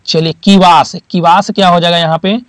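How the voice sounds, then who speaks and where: High-voiced teacher with a lilt. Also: male voice, flat delivery, moderate pace, no room sound. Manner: asks listeners questions and answers them himself; uses homely examples, repeats key terms. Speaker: exam-prep teacher. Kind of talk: classroom lecture.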